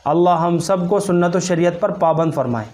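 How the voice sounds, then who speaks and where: A man with a fairly high voice teaches a formal religious lesson as a cleric. He speaks in a measured, formal way and recites Arabic phrases at the start. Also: a little mellow. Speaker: Islamic cleric explaining name meanings.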